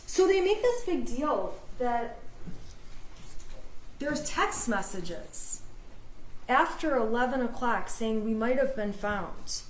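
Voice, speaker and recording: A woman's voice: a little high, animated, takes it slowly, pauses often. An American woman, a defense attorney, delivering a passionate, emphatic closing argument in court. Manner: passionate, emphatic, insistent arguing. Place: indoor courtroom. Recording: echoey courtroom with background noise.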